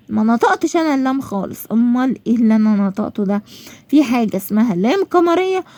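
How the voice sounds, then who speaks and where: Speaking with an Egyptian accent, a woman teaches a school lesson, posing questions, answering them herself, and drawing out example words. Her voice is on the high side and warm, with no echo in the recording.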